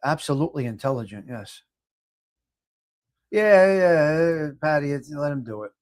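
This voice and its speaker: Animated and fairly high-pitched with a darkish tone, the livestream host speaks at normal speed in a New York accent. Reading viewer comments during a casual chat, he talks emphatically and keeps repeating himself and restarting.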